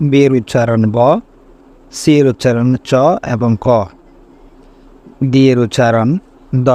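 A man teaching a language lesson, reciting letters and syllables slowly and deliberately, one at a time. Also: medium pitch, a little mellow. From Bangladesh. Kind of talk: slow spelling drill lesson.

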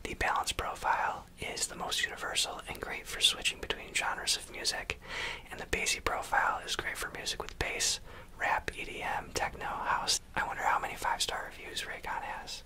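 A man's voice: normal speed, bright, forceful tone. A man in his thirties reads an ad in a casual, playful ASMR whisper, close to the microphone. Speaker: sponsored ad reader. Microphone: close studio microphone on a desk.

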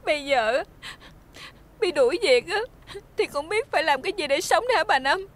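An actress playing a young maidservant with a scalded face, pleading in tears, with a Southern Vietnamese accent. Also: female voice, very high voice, expressive, fast, fairly bright tone. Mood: sobbing. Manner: tearful pleading, breaks into sobs. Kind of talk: TV folk-tale drama acting.

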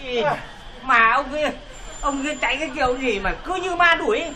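A man with a very high, bright voice plays a rambling, gossiping neighbor in a slapstick comedy. He halts and hums between his words, with faint noise underneath. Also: moderate pace. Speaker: comedy sketch actor. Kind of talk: slapstick sketch acting.

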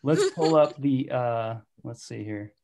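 A hungover man hosts a casual movie podcast over a video call. His pitch sits in the middle for a man, and he talks in a loose, jokey, easygoing way. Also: slow, vocal fry, noisy background. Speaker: podcast host. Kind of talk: casual film podcast chat.

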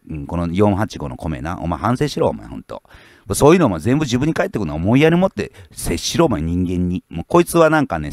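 A man's voice: lowish voice, darkish tone, no echo, studio quality. A man, ranting casually as a fishing YouTuber and bluntly scolding his commenters, with many rambling fillers. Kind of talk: casual rant reading out viewer comments.

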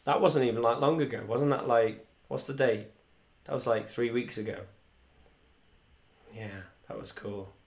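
Speaking at a measured pace in a mid-range voice, a young man from Wales chats with viewers on his live stream. He's a musician at home in a small room, rambling a bit and reading out comments into a desk mic placed in front.

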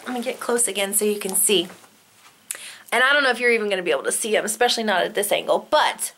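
Bright-voiced woman, earnest, going hoarse. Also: fairly high pitch. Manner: earnest and enthusiastic, casual swearing. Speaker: vlogger. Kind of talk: casual talk to camera.

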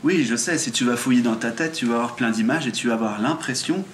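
A man's voice: mid-range voice, fast talker, echoey room, a little hiss or hum. A man from France with a French accent, a spiritual teacher giving an earnest satsang talk on awakening, often restarting his words. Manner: earnest explaining with frequent stammered restarts.

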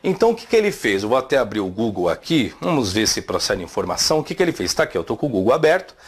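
A man's voice: fairly low pitch, sing-song, rapid-fire, husky. A man teaching theology, rebutting a video with emphatic rhetorical questions.

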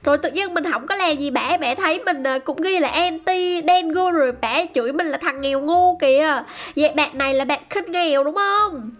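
A woman giving excited, chatty game commentary to her viewers. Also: high-pitched, normal speed, few pauses. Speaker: gaming YouTuber.

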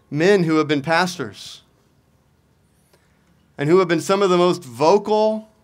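A middle-aged pastor with a fairly high voice delivers a sermon from an outdoor lectern. He keeps asking rhetorical questions and hammers his points through repetition. The sound comes through a stand mic on the lectern.

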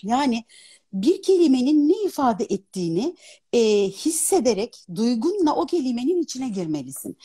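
Animated and articulate, this woman in her fifties talks with a husky, mellow tone. Her fairly high voice rises and falls in wide, lively sweeps. She speaks as a guest in a casual live chat on a phone stream. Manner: animated, articulate, laughs easily. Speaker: guest, opera singer and dubbing artist. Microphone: phone on a live video stream.

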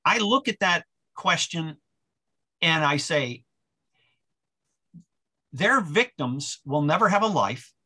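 An older man, an author being interviewed, explaining his views in a measured way, often clearing his throat and pausing on filler words. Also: fairly high pitch, expressive, bright, forceful tone. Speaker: author guest. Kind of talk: conversational interview answer.

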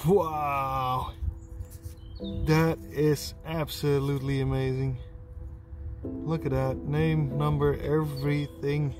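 Excitable man with a slow drawl. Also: on the high side, music in the background. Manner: excitable, whoops and laughs a lot. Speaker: metal detectorist. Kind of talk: excited casual field commentary. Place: outdoors in a field.

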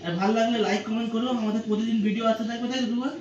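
A man's voice: extremely high pitch, steady tone, rapid-fire, a little mellow, muffled recording, a little hiss or hum. A man chatting casually and playfully while playing with his dog outdoors, laughing and scolding it. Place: outdoors in a village. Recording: echoey, far from the mic, crowd behind.

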